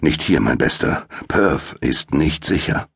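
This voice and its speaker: A man doing a loud, blustering greying doctor. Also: lively intonation, measured pace, gravelly, breathy edge, dry recording, studio quality, full character voice. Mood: serious. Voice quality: loud, booming. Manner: uneasy and urgent.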